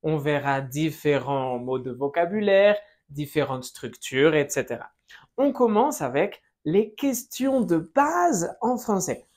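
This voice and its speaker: Woman french teacher, slow and clear, pitch bouncing all over, drills short phrases. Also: animated, a little mellow. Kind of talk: language lesson.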